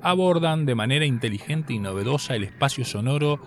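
Reading scripted radio narration as a segment host, a man with a Uruguayan Spanish accent delivers a measured, literate explanation. His voice is medium-pitched with lively intonation.

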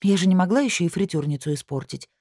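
A woman's voice: lowish voice, expressive, quick pace, darkish tone, dry recording, studio quality, pitched above the performer's own voice. A woman reading an audiobook, voicing a touchy middle-aged woman who grumbles when suspected. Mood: offended. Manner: offended, grumbling.

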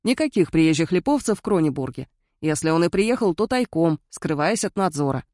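A woman's voice: low voice, big pitch swings, fairly quick, a little mellow, no echo, studio quality. A woman voicing a fussy young male secretary who frets and complains. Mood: fretful. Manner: fretful, complaining.

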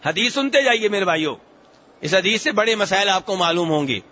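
A male preacher giving a hadith lesson who repeats phrases to explain them and recites Arabic slowly before translating it. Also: high-pitched, animated, pushed and bright, lo-fi sound. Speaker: Islamic preacher.

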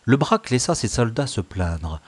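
A man reading a classic novel aloud as an audiobook narrator, measured and expressive. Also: mid-range voice, husky, no room sound. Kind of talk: scripted narration.

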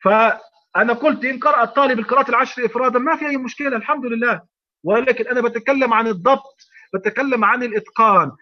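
A man's voice: extremely high pitch, very fast, dull audio. A man with an Egyptian accent teaching as a sheikh in an online lecture, speaking emphatically with repeated phrases and rhetorical questions. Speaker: sheikh teaching Quran readings.

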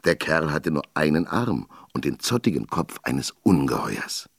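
A man narrating a children's story in an expressive, lively reading voice. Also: extremely low pitch, moderate pace, gravelly, no echo, clean studio sound.

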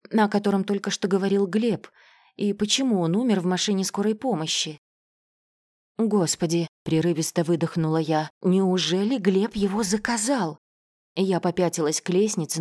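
A woman narrating a first-person story in a steady, tense storytelling manner. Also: on the low side, a little fast, no echo, clean studio sound.

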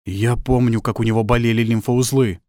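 A man's voice: medium pitch, fairly even intonation, normal speed, dry recording, studio quality, natural voice. A man voicing a broken, fanatical husband and harsh father in an audiobook, sometimes dazed, sometimes furious. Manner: dazed and mumbling, then stern and shouting in memory.

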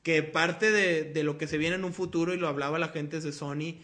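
A man's voice: a little high, fairly even intonation, a little fast, a bit bright. A young man with a Mexican accent hosting a casual podcast, talking in a loose, rambling way full of slang and swearing. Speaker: podcast host.

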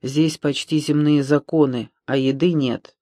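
A man's voice: on the high side, fairly even intonation, unhurried, dark tone, dry recording, clean studio sound, close to an everyday voice. A man doing a businesslike leader boy. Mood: matter-of-fact. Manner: matter-of-fact, businesslike.

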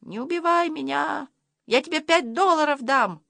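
A woman voicing a frightened young boy who sounds high and pleading. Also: wildly swooping pitch, unhurried, no room sound, studio quality.

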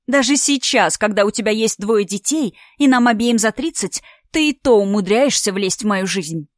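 A woman's voice: mid-range voice, expressive, moderate pace, no echo, studio quality, close to an everyday voice. A woman reading a storybook part, voicing a spiteful, mocking woman in her thirties who is about to marry, with a raised, sarcastic voice. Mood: taunting. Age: 30s. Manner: sneering, sarcastic, theatrical.

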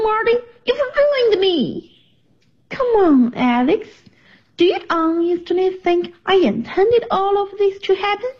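Female student reader, very high voice, slow dramatic delivery, dull lo-fi sound. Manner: theatrical, emotional. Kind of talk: dramatic dub reading.

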